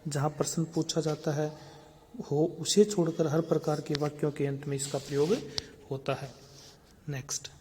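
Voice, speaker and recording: Flat-voiced man teaching grammar. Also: a little high, moderate pace, a little hiss or hum. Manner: steady dictation-like listing, repeats key words. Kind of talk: exam-prep grammar lesson.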